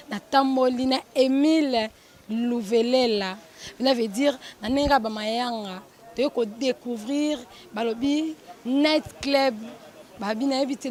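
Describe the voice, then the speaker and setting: A woman presenting a TV show report from a nightclub opening, switching languages as she talks, with plenty of fillers. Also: fairly high pitch. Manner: code-switching, lively, with many fillers. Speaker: TV show host.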